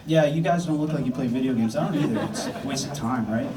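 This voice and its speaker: A man's voice: medium pitch, quick pace, recorded from a distance, a loud crowd. A man from the South Shore of Massachusetts doing a stand-up comedy set in a club, crude and rambling, laughing at his own jokes.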